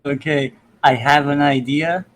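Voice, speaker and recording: A man playing a tabletop role-playing game, thinking aloud in a measured, tentative way. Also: a little high, fairly even intonation, fairly bright tone, low-quality recording. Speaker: player. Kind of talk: casual tabletop game chat.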